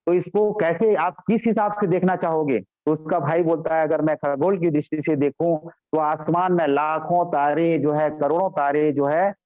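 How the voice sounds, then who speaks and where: A man's voice: on the high side, fairly even intonation, normal speed, hardly any pauses. A man giving a motivational business training on a video call, repeating key points and often addressing his listeners directly. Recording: dull lo-fi call audio.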